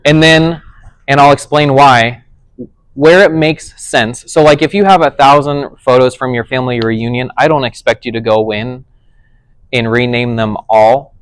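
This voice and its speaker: In a rough, low-quality recording with no room sound, a man with a clean, mid-range voice speaks at a measured pace. He's running a casual tech class, explaining things conversationally and often checking comprehension with "does that make sense".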